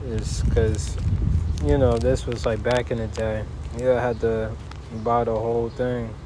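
A man gives a casual podcast update at a slow, unhurried pace, rambling and folksy, with pauses mid-thought. He is outdoors in a backyard, with clearly noisy ambience behind him. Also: medium pitch, level tone. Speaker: podcast host.

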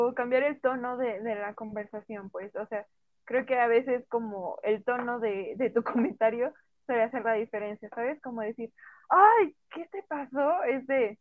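Woman co-chatter, higher voice, tinny dry phone sound, animated quoting. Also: no echo. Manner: talkative, acts out quoted remarks. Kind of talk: casual chat.

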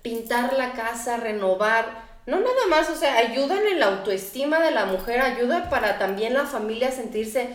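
A woman's voice: on the high side, animated, normal speed. A woman with a Mexican accent hosting a casual chat, blunt and joking, swearing freely. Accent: Mexican Spanish. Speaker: host. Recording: echoey room.

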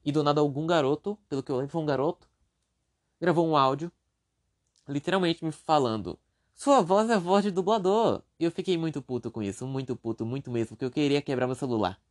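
A young podcast host with a Brazilian Portuguese accent speaks quickly in a medium-pitched voice. Alone on his show, he wanders through a casual monologue and pokes fun at himself along the way.

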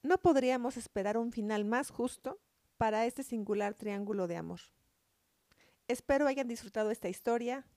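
Female storyteller, warm tone, measured scripted narration, dry close sound. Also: a little high, no room sound.

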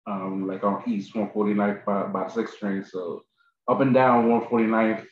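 Low-voiced New man in a roomy space. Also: little pitch movement. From the Bronx, New York. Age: 40s. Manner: halting, repetitive, informal phrasing. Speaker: interviewer. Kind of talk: casual chat. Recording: roomy, echoing, slightly dull audio.

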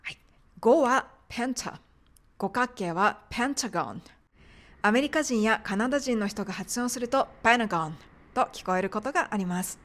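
A woman's voice: fairly high pitch, expressive, normal speed, a bit bright. A woman teaching medical English pronunciation in a polite, explanatory podcast lesson.

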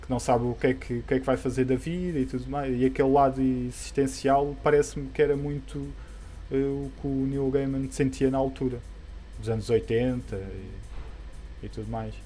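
A man's voice: medium pitch, fairly even intonation, normal speed, dark tone. A man with a European Portuguese accent chatting casually about comic books in a hesitant, rambling, colloquial way. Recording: background music under the voice.

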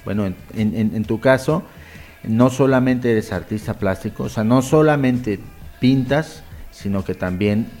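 A man's voice: medium pitch, unhurried, a little mellow. A man with a Mexican accent hosts a casual interview in a mid-range voice. He talks in an effusive, rambling way and keeps restarting his questions. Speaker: interviewer host.

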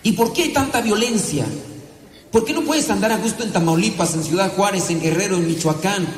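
A high-voiced Mexican priest preaching with a Mexican Spanish accent, asking rhetorical questions and laughing lightly between points. His voice rings through an echoey room with a long reverb tail. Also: fairly quick. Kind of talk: sermon.

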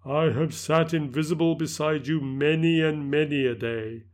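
A man's voice: a little high, normal speed, natural voice. Man doing a wailing, anguished ghost. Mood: warning. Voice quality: wailing, declamatory. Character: anguished male ghost of a dead miser.

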